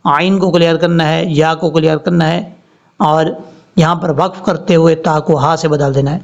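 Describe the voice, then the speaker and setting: A man with a high voice teaches Quran recitation one word at a time. He draws each word out slowly and then explains the rules in plain speech. The recording sounds dull and lo-fi. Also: fairly even intonation, gravelly. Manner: slow drawn-out recitation between plain explanations.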